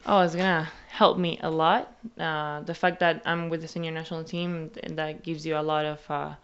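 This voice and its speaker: A young woman in her twenties, a university basketball player, answers interview questions in short, hesitant phrases. Her voice is very low and smooth, and the recording sounds a bit muffled. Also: level tone, normal speed. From Argentina. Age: 20s. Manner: hesitant, many filler uhs, speaks in short phrases.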